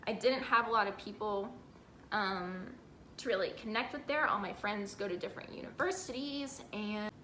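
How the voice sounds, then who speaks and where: A woman's voice: mid-range voice, moderate pace, sharp tone, echoey room, slight background noise. A woman in her twenties from Texas, talking candidly and earnestly in a personal vlog, with lots of "like" fillers. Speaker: vlogger.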